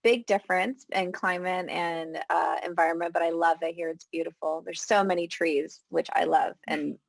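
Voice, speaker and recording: Gravelly, chatty Californian woman guest. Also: on the low side, normal speed, no room sound. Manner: relaxed, chatty, says "like" a lot, acts out her own thoughts. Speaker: feng shui consultant, guest. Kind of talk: casual interview.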